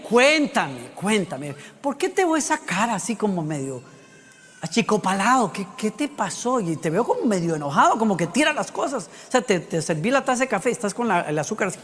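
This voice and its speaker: A man playing God as a homely host who gently coaxes with questions, heard with long hall reverb. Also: sits high, big pitch swings, fairly quick, a little hiss or hum. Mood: coaxing. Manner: chatty, coaxing questions.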